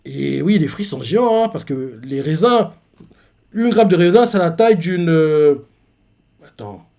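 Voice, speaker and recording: A man's voice: on the high side, animated, measured pace, warm tone. A man casually recapping a manga chapter live, with many fillers and restarts. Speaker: streamer reacting to a manga chapter.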